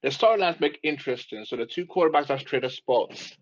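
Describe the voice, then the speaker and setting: A man co-hosts a football podcast in a relaxed, lightly teasing voice. His pitch is average, and the recording sounds slightly dull and lo-fi. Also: fairly quick. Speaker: podcast co-host. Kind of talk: casual sports chat.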